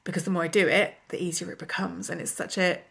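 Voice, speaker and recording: A middle-aged woman with a blocked, nasal voice, sounding unwell and tired as she talks casually and reflectively to viewers with soft, low energy. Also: little pitch movement, fast, gravelly. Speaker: personal development coach and video host.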